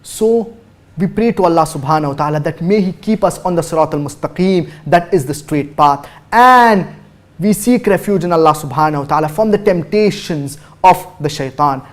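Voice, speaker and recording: A man giving a religious lecture and answering questions. He cites chapter and verse, recites Arabic quickly, then translates slowly with emphasis. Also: fairly high pitch. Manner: formal, measured, cites chapter and verse numbers. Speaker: Islamic preacher answering viewer questions.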